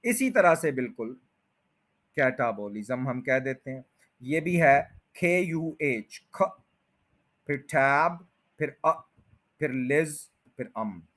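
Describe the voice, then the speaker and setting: A man teaching English pronunciation, patiently explaining and slowly repeating each word with drawn-out stressed syllables. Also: mid-range voice, animated, a bit bright. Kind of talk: spoken lesson.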